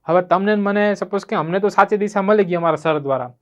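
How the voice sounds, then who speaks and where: A man's voice: sits high, fast. A man teaching spoken English with a Gujarati accent, explaining grammar and constantly checking whether students have understood. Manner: asks students rhetorical check questions.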